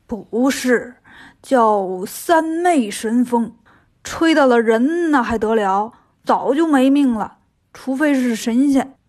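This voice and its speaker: Woman doing a slow kindly old grandfather. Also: fairly high pitch, expressive, darkish tone. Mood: knowing.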